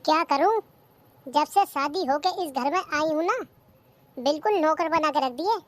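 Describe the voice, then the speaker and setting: A performer voicing a cheeky, lazy young daughter-in-law who talks back, in a cartoon comedy. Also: female voice, high voice, lively intonation, normal speed. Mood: sassy.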